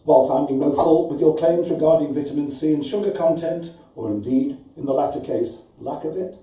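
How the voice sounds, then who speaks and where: Before an audience at an indoor arts venue, a man reads a comic story as a fussy, pompous, aggrieved customer's wordy complaint letter. His natural, mellow voice is a little high and fairly quick, formal, precise and mock-serious, in a roomy, distant live event recording.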